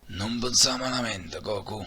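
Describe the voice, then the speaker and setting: A man voicing a proud, threatening alien warrior with a gruff manner and Neapolitan accent in a parody cartoon dub. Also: fairly low pitch, measured pace, crowd noise, close to an everyday voice. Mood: menacing. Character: menacing, proud male alien warrior rival. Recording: loud music under the voice. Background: loud music.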